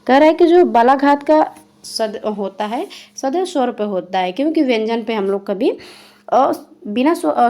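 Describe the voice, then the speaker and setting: A young woman gives an exam-prep Hindi grammar lesson, reading out each definition, restating it in simple terms, and spelling out examples one at a time. Her voice is a little high with a warm tone.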